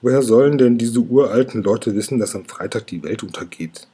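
Naive puzzled young dragon, read by a man, dark mellow breathy voice, storybook. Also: medium pitch, brisk. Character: naive young male food-eating dragon.

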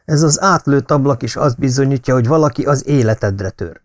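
A man's voice: medium pitch, dry recording, studio quality, voice pushed up, lightly acted. A man voicing a serious, suspicious young woman who insists on danger. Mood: insistent.

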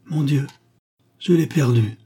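A man's voice: medium pitch, takes it slowly, dark tone, breathy edge, voice pushed up. A man voicing a poor, frightened orphan boy who speaks in an earnest, pleading way.

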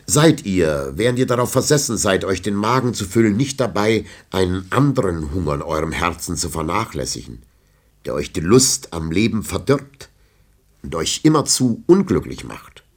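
A man's voice: sits low, big pitch swings, moderate pace, voice pushed up. A man voicing a stern old nobleman who lectures in a solemn, sermonizing way in an audiobook. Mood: lecturing.

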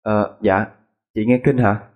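A man doing a polite quiet young boy. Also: on the low side, steady tone, slow pace, phone-quality sound. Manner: soft, polite.

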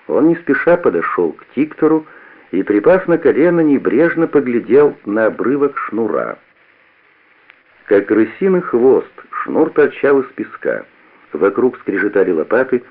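A man giving an expressive, measured first-person narration of a story, recorded on a tinny lo-fi old radio recording. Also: medium pitch.

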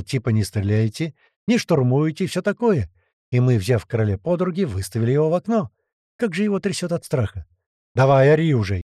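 A man's voice: on the high side, mellow, no echo, studio quality. A man reading a first-person audiobook in a blunt, swearing storytelling manner. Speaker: audiobook reader.

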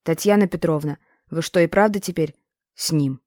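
A stubborn young boy pleads and sulks, earnest and defensive, as a woman reads him aloud. His voice sits a little higher than the narrator's usual dark, mellow tone. The sound is close and dry. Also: normal speed, dry recording, close to an everyday voice. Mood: sulky.

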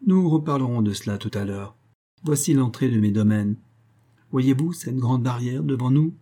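A man voicing a smooth, possessive male king of the underworld who coaxes and boasts, in a storybook reading. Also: mid-range voice, expressive, moderate pace, mellow, natural voice. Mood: boastful. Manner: coaxing, boastful, persuasive.

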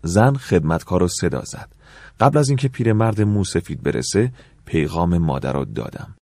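A man narrating an audiobook in the first person, calm and measured, at times dropping to a soft whisper. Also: low-pitched, dry recording, studio quality.

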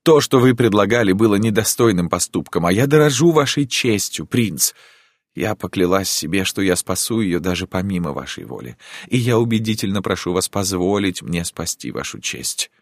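A man's voice: deep voice, expressive, normal speed, no room sound, clean studio sound, pitched above the performer's own voice. A man voicing a passionate pleading countess. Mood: insistent. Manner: dramatic, impassioned, imploring. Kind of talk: audiobook character reading.

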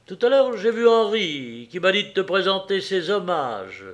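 A man's voice: high voice, very animated, moderate pace, fairly bright tone, pitched above the performer's own voice. A man reading an audiobook voices a jovial railway deputy stationmaster with a hearty, bantering manner.

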